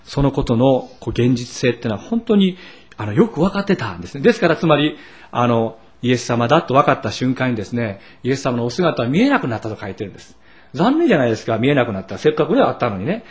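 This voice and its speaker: A man's voice: mid-range voice, fast. A middle-aged Japanese man preaching a sermon as pastor, telling stories with asides and asking the congregation questions. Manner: animated storytelling with asides and rhetorical questions.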